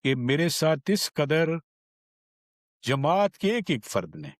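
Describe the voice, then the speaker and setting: A man from Pakistan, earnestly telling the story of his survival in an unhurried way. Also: fairly high pitch, very animated, no room sound, clean studio sound. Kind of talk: personal storytelling.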